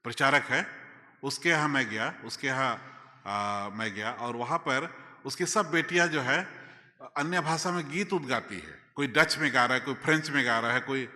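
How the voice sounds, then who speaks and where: A man, a bishop telling a personal story in a sermon, moving between loud exclamations and quiet asides. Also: mid-range voice, moderate pace, long reverb tail. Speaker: bishop preaching. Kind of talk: sermon testimony. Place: church hall.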